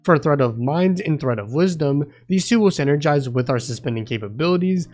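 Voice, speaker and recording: A man reading a scripted voice-over walkthrough in a steady, explanatory way. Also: on the high side, fairly quick. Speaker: video game guide creator.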